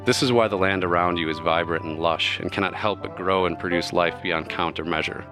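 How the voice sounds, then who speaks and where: A man's voice: low-pitched, steady tone, a little fast, over music. A man voicing a serene goddess figure. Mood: solemn. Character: serene divine female patron spirit.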